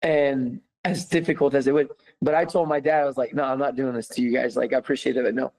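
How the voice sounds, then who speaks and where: Talking fast in a medium-pitched voice over a rough recording, a young American man who used to play football shares his story in a casual interview. He is animated, laughs easily and uses lots of fillers.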